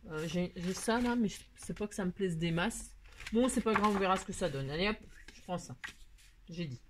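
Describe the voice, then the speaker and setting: A woman's voice: fairly low pitch, lively intonation, brisk. A woman hosting a card-making tutorial, chatting casually and rambling, talking straight to viewers with lots of self-mocking asides. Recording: noisy home recording.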